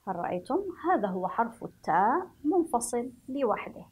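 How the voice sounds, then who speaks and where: A woman from Yemen teaching a reading lesson to young children, speaking slowly and spelling sounds out clearly while asking the class questions. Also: fairly high pitch, big pitch swings, a little mellow, rough recording. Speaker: primary school teacher.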